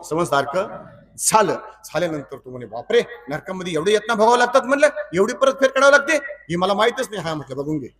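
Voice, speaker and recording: High-voiced preacher telling a story. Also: male voice, fairly bright tone, distant mic. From Maharashtra, India. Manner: asks the audience rhetorical questions and repeats lines; acts out dialogue between characters in the story. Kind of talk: storytelling sermon.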